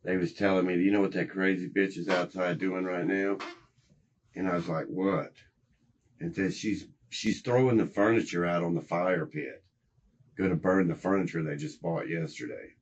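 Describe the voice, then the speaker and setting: A man's voice: low-pitched, fairly even intonation, normal speed, slight background noise. A middle-aged man, rambling and swearing as he recounts events in a recorded police interrogation. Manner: rambling, profane, agitated recounting. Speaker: interrogation suspect. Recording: muffled interrogation room recording.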